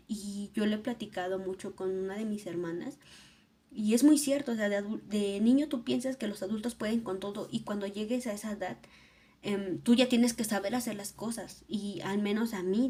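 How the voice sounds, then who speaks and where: A woman's voice: mid-range voice, a little mellow. A young woman, thinking aloud in an earnest, reflective personal vlog. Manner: earnest, thoughtful, musing aloud. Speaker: vlogger.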